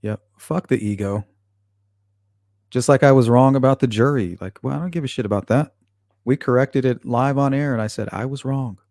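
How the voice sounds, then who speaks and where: On a laid-back livestream, a man reads chat messages aloud and replies bluntly and profanely, swearing a lot as he talks back to viewers. His voice is medium-pitched and a little mellow at a moderate pace, in a dry, studio-quality recording.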